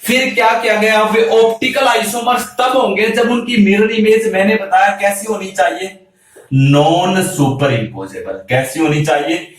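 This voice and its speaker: A man's voice: high voice, normal speed. A man teaching a chemistry class, who keeps asking rhetorical questions, answers them himself and calls his students "beta". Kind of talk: classroom lecture. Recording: very echoey room, mic far off.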